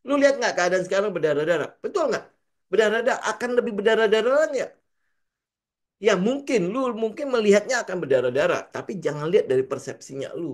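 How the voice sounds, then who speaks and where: Here a trading coach whose voice sits high delivers an informal trading lesson in Indonesian with Jakarta slang. He repeatedly asks rhetorical questions and mimics traders' remarks.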